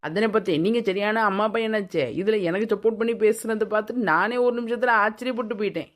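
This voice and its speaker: A woman's voice: mid-range voice, fast talker, natural voice. A woman voicing a stubborn young bride-to-be in a cartoon. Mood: defiant. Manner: stubborn, insistent. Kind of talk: cartoon voice acting.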